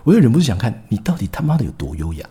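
A young man with a Taiwanese Mandarin accent, a podcast host telling a story in a wry, animated way, with frequent fillers and asides. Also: fairly low pitch, rapid-fire, husky. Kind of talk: casual storytelling.

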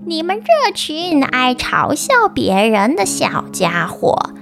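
A woman's voice: high voice, wildly swooping pitch, takes it slowly, creaky, fairly bright tone, faint music behind, heavily acted. A woman voicing a spiteful, gloating old witch who cackles through curses in a children's storybook. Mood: gleeful, spiteful. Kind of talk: children's audio storybook acting.

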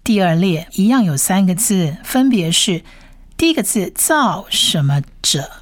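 A woman giving a language lesson, her pitch rising and falling a lot as she explains. She patiently repeats each sound slowly several times. The recording is dry and close. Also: expressive, no room sound. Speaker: teacher.

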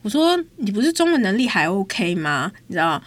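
A woman's voice: mid-range voice, big pitch swings, a little fast. A woman, telling a story in a casual, exasperated chat as host. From Taiwan.

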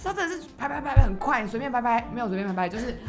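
A woman with a Taiwanese Mandarin accent hosting a podcast, chatting casually in an expressive, exclaiming way. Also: a little high, racing. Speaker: podcast host. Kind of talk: casual chat. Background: music.

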